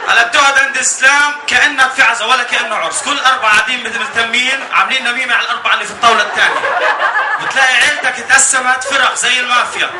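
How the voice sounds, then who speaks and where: High-pitched Jordanian man, escalating comedy rant. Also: fairly even intonation, racing. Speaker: stand-up comedian. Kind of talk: stand-up comedy about weddings. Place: live comedy show before an audience. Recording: echoey live venue, distant, noisy laughing crowd.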